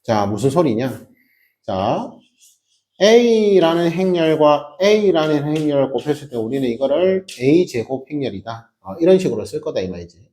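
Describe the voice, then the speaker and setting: A man's voice: on the high side, very animated, unhurried, warm tone. A man teaching a math class, explaining step by step with emphatic rhetorical questions to his students. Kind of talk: classroom lecture.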